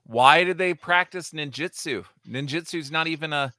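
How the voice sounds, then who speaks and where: Blunt swearing man, bright voice. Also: on the high side, moderate pace, no room sound, clean studio sound. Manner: blunt, swears freely, heated when ranting. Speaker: podcast host. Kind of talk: casual chat, movie review.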